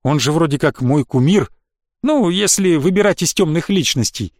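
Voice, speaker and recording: A man reading a first-person story aloud as an audiobook narrator, with lively, expressive storytelling. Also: fairly high pitch, moderate pace, no echo, clean studio sound.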